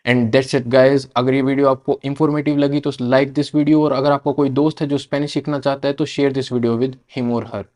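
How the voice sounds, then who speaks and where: A man teaching a language lesson, slowly saying each letter two or three times in a clear, patient way. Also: medium pitch, level tone, darkish tone. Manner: repeats each letter slowly and clearly, mixing Hindi and English. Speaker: Spanish teacher.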